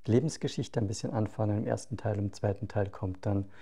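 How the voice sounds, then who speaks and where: A middle-aged man hosting a podcast interview, speaking in a relaxed, low-key way as he introduces his guest. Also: a little fast, breathy edge. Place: temple hall with a Buddha shrine.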